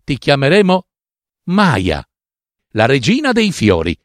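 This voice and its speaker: A man voicing a small, crowned male flower spirit in a fairy tale, speaking gently and ceremoniously. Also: medium pitch, huge pitch swings, slow, no room sound, clean studio sound. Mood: gracious.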